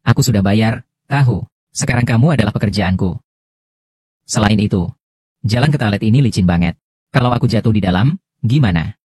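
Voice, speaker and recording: A man's voice: lowish voice, fairly quick, long pauses, a little mellow, breathy edge, dry recording, studio quality. A man dubbing a cocky, bossy young man in a drama, speaking in an offhand way. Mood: smug. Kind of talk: dubbed drama acting.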